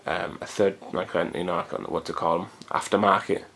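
A man's voice: deep voice, steady tone, a little fast, gravelly, a bit bright, slightly rough. A man, chatting casually to his own camcorder at home in a rambling way. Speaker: vlogger. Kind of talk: casual chat to camera. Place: hot room at home. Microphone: camcorder built-in mic.

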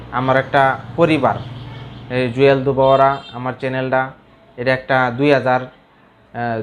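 A man from the Mymensingh region of Bangladesh vlogging in his local Bengali dialect, talking casually to camera with a rambling, halting delivery. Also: medium pitch, a little hiss or hum.

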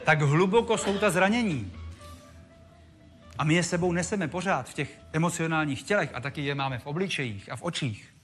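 A man giving a lively storytelling talk to a live audience, joking and acting out the characters. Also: a little high. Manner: animated, jokey, acts out the characters. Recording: music playing behind.

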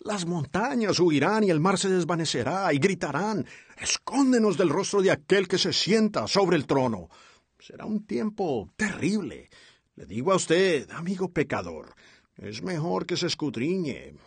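Guy doing sermon voice-over, kinda gravelly and husky, voice goes up a bit. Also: high-pitched, sing-song, measured pace, no echo. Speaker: sermon interpreter.

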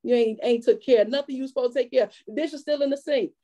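A woman preaching, her voice sitting a little high yet mellow and warm. She talks to the women like a friend, rising and falling as she drives each point home. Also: rapid-fire, highs cut off. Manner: lively preaching with call-and-response. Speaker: women's fellowship speaker. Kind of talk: sermon. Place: church.

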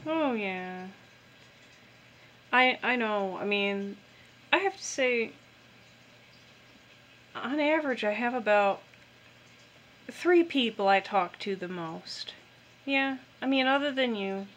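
Chatty woman cohost, frank, voice kinda high and bright. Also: lively intonation, takes it slowly, long pauses. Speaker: podcast co-host. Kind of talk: casual chat.

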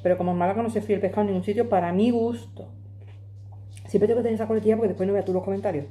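A woman in her forties from Madrid, Spain, vlogs from her home kitchen, eating while chatting to a phone camera set on the table. Her voice is medium-pitched and mellow with fairly even intonation, delivered rapid-fire. She's chatty and emphatic, talking with her hands.

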